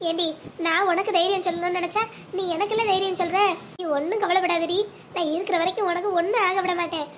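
A devoted cartoon mother, anxious yet tender, coaxing her child with endearments, voiced by a woman. Her voice is very high and brisk. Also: steady tone, slight background noise. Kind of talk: animated family drama voicing.

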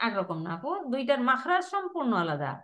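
A woman teaching Quran pronunciation in an online class, patiently repeating letter sounds slowly for her students over a video call. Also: sits high, very animated, a bit bright.

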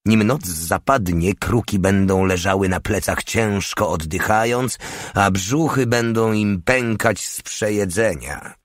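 A man's voice: lowish voice, unhurried, no echo, studio quality, voice pushed up, natural voice. A man reading a crude, mocking male soldier with a scornful, sneering manner.

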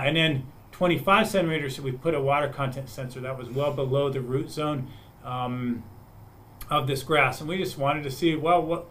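A man from the United States, his voice slightly high and a touch bright, speaks on a webinar panel about soil moisture data. He works through it with frequent restarts and repeated words.

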